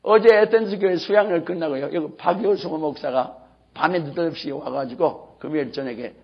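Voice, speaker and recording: A male pastor giving a sermon, preaching emphatically and breaking into loud shouts. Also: fairly high pitch, brisk. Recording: dull lo-fi sermon tape.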